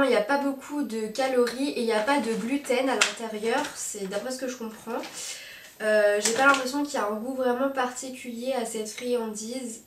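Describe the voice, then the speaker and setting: A woman's voice: on the high side, a bit bright. Hesitant woman chatting in a roomy space. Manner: hesitant, with frequent "euh" fillers and restarts; speaks affectionately to her dog. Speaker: pet vlogger reviewing a dog subscription box. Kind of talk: casual unboxing chat to camera. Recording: roomy echo, mic at a distance, faint noise.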